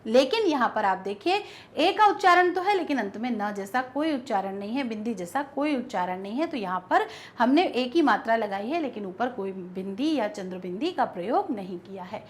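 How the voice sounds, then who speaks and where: A young woman teacher explaining grammar to school students, reading word pairs aloud with clear stress. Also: on the high side, animated, moderate pace, few pauses, a little hiss or hum.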